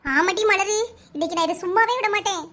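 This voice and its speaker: A woman's voice: very high voice, fast talker, a bit bright. A woman voicing a betrayed, furious middle-aged village wife in a cartoon, complaining bitterly in a Kanyakumari accent. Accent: Kanyakumari Tamil. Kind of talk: cartoon voice acting.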